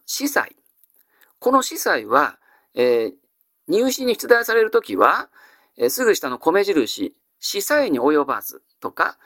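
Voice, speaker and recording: A man teaching classical Japanese vocabulary in an exam-prep lecture, explaining patiently and often pausing on drawn-out fillers. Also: a little high, creaky, fairly bright tone, no echo, studio quality.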